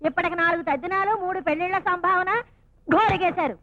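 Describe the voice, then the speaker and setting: A woman's voice: very high voice, steady tone, fast talker, no room sound. An actress playing a bossy, scolding middle-aged woman in a comedy film. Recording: dull old film soundtrack with music.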